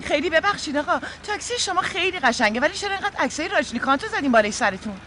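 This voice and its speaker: A blunt, sharp-tongued young woman in a film, quick to call things out. Her voice is bright and pointed, pitched fairly high. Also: animated, a little hiss or hum. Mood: challenging. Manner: blunt, challenging. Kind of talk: Persian film dub.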